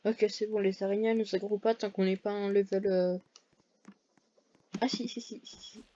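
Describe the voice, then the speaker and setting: A woman's voice: mid-range voice, little pitch movement, normal speed, dark tone, dry recording, muffled recording. A woman giving casual, hesitant commentary over her gameplay, full of fillers and self-corrections. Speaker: gaming video creator.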